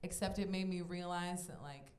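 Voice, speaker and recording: A woman in her twenties performing a stand-up comedy set on a club stage, playful and animated, acting out voices in her quotes. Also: fairly low pitch, normal speed. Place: comedy club stage before a live audience. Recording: echoey club room with audience noise.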